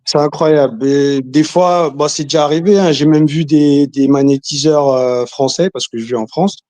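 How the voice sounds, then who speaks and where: A man's voice: on the high side, steady tone, moderate pace, dark tone, dry recording. Hesitant man chatting over a video call. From Congo. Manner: hesitant, many restarts and fillers, chuckling. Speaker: caller. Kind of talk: casual chat.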